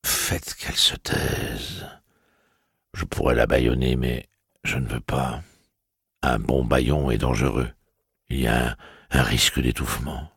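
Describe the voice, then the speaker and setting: A stern, weary gunslinger speaks slowly and softly in a very deep, gravelly voice, as a man reads him. Each word is measured and cold, with a husky edge. The recording is dry and close. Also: fairly even intonation, dry recording, heavily acted. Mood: velvety calm. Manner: slow, low, velvety and measured.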